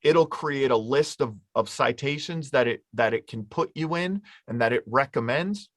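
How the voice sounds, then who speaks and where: A man teaching an informal webinar, talking things through conversationally and reaching for hypothetical examples. His voice sits at an ordinary middle pitch and is recorded close and dry, with no room sound. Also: normal speed, no room sound. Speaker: marketing presenter.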